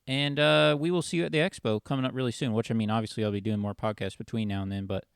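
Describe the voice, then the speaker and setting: A man's voice: medium pitch, fairly even intonation, fast, vocal fry, clear, resonant tone, dry recording, studio quality. A man hosting a podcast in an informal, chummy, conversational way. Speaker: podcast host. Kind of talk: casual chat.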